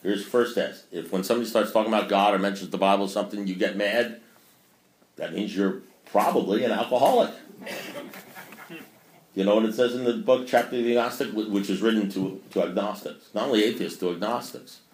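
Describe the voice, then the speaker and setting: Speaking fairly quickly in a voice on the low side, a man in his sixties addresses a recovery meeting. He's given to preaching and rambling, with plenty of self-mockery, and the meeting room is echoey.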